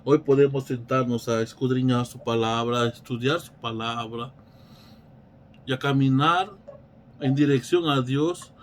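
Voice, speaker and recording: A man's voice: medium pitch, a little hiss or hum. A man teaching a Bible study in a preacherly way, asking rhetorical questions and often restarting his phrases.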